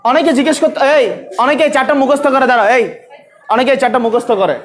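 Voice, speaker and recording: A man's voice: extremely high pitch, rapid-fire, a little hiss or hum. A male biology teacher lecturing a class, drilling students with repeated questions and scolding those who talk.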